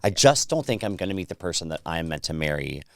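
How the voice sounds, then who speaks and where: A man's voice: sits low, sing-song, fast talker, gravelly, no room sound. A man in his thirties from South Carolina, a podcast guest telling his story in an easygoing, candid way. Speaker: podcast guest, PR firm founder. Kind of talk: casual chat.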